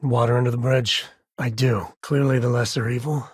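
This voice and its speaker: Sam Coe, husky easygoing space cowboy, acted by a man. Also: medium pitch, fairly even intonation, moderate pace, no echo, studio quality, natural voice. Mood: casual, wry. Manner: folksy, conversational, wry. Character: easygoing, warm-hearted frontier spacefarer, a devoted father. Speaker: video game companion character. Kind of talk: video game character dialogue.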